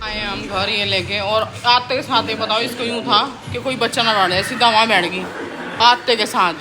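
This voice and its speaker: A woman's voice: fairly high pitch, fairly even intonation, normal speed, crowd noise. A woman filming a casual family vlog, teasing and laughingly scolding the kids and a young relative. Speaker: vlogger. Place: outdoors and at home with family.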